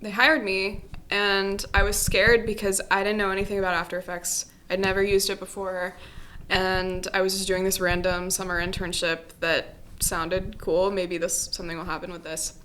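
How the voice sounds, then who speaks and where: A woman's voice: medium pitch, little pitch movement, moderate pace, fairly bright tone, slight background noise. A young woman chatting as a podcast guest, casual and easygoing, with lots of small fillers. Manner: chatty, laughs easily, trails off with fillers. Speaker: guest, compositor.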